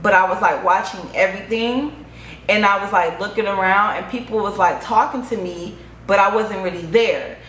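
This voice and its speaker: A young woman tells a story straight to the camera, chatty and animated and cursing freely. Her pitch sits mid-range for a woman. The room echoes around her, with a faint hum of ambience underneath. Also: moderate pace. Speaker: vlogger. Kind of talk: casual storytime monologue.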